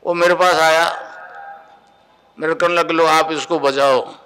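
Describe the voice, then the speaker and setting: Older male guru, instructive storyteller, pitched high. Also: steady tone, unhurried, sharp tone, slight background noise, poor audio. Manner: storytelling, instructive, chants mantras. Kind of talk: spiritual discourse.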